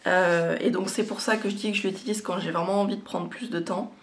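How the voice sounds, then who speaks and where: A woman chatting casually to viewers as a beauty vlogger, her voice a little cracked and hoarse, as if it is giving out. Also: fairly low pitch, fairly even intonation, fairly quick, a little hiss or hum. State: slightly hoarse, cracked voice that gives out. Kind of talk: casual product chat to viewers.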